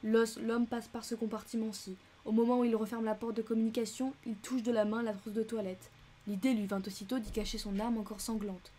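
A woman voicing an eager, impatient male railway director who talks in a brisk, insistent way, in an audiobook reading. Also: a little high, little pitch movement, mellow, slight background noise, natural voice. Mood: explaining.

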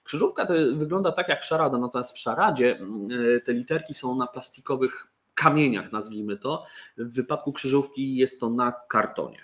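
A man's voice: mid-range voice, normal speed, fairly bright tone. A man casually presenting board games, joking and often restarting his sentences. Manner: chatty, joking, with fillers and restarts. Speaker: toy company presenter.

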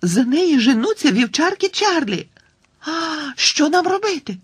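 A male audiobook reader voicing an excitable young girl who exclaims in a high, breathless voice. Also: normal speed, creaky, no echo, heavily acted. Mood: frightened. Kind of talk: audiobook character voice.

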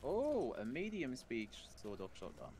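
A man's voice: medium pitch, wildly swooping pitch, moderate pace. A man chatting casually as he plays a co-op video game with a friend. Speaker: streamer's co-op gaming friend. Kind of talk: casual gaming chat. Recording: noisy voice chat feed. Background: game sounds.

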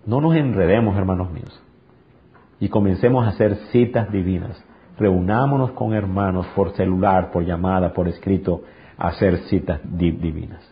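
A male pastor preaching an impassioned sermon, swinging from high, forceful peaks down to low, intimate tones. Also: normal speed, a little hiss or hum. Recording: dull lo-fi sound.

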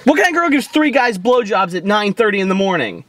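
A man playing a drunk, weepy, heartbroken amateur detective who rambles and swears in a parked car, slightly high voice with a lively, swooping delivery. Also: a little fast, no echo. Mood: bitter jealous. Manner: rambling, crude and self-pitying, swearing often. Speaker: comedy web host playing a detective. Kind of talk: improvised comedy monologue.

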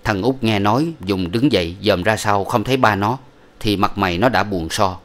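A man reading a storybook aloud, with steady, measured narration. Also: lowish voice. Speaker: audiobook reader.

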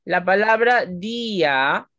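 A woman teaching a class of young children, patiently explaining rules step by step and stretching words out slowly while she quizzes her pupils. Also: medium pitch, expressive, fairly bright tone, no echo, lo-fi sound. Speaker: primary school teacher.

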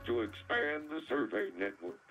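A man voicing a tiny robot assistant on a wrist device, giving clipped, flat system announcements through a small robotic filter. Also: a little high, normal speed, lo-fi sound. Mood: announcing.

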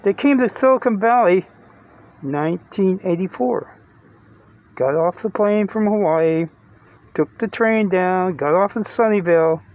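A man's voice: high-pitched, unhurried, a little mellow. An older man filming himself on his phone, talking casually and rambling, often restarting and working out sums aloud, first outdoors in a park and later inside a van. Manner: rambling, plainspoken, with restarts and mental math. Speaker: vlogger. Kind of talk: casual self-filmed vlog. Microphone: phone held close.

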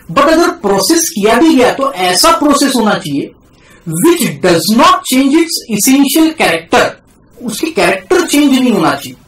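A man with an Indian English accent giving a classroom lecture, switching between Hindi and English and slowing down to repeat key terms for his students. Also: very high voice, reverberant, poor audio. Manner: mixes Hindi and English, calls students "beta", drills key terms slowly. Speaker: tax teacher.

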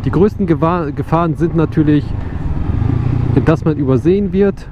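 A man's voice: fairly high pitch, moderate pace. A young man chatting casually and reflectively as a motovlogger while riding, in informal speech. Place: outdoors on a motorcycle on open roads. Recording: muffled helmet recording with loud engine noise. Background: engine, wind and road noise.

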